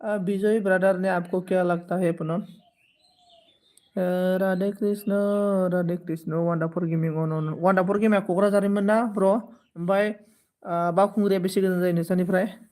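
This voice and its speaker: A man's voice: high voice, steady tone, measured pace, darkish tone. A man in his twenties hosting a live stream, casually thanking viewers by name and consoling them. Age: 20s. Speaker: livestream host.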